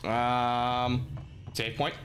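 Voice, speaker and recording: A man's voice: mid-range voice, completely flat delivery, drawn-out words, fairly bright tone, faint music behind. A young man from Western Canada giving casual live commentary as a game streamer, hesitant, with frequent ums and dry asides.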